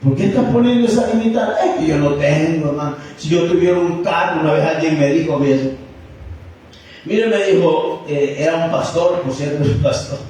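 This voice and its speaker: A man's voice: fairly high pitch, steady tone, normal speed, a little mellow. A man pastor preaching a sermon, talking conversationally with many rhetorical questions and personal stories. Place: church hall. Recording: echoey church PA from far off.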